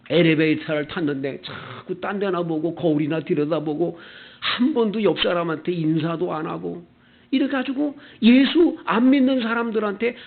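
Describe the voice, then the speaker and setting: A man preaching a Sunday sermon as pastor, animated and acting out the people in his stories. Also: fairly high pitch, creaky. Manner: animated preaching, acting out quoted customers in character. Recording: tinny, phone-like church video audio.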